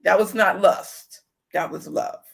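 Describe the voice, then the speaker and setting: A woman's voice: medium pitch, slow pace, creaky, slightly rough. A middle-aged woman hosting a podcast in casual chat, often repeating short affirmations and thanking viewers by name. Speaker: podcast host.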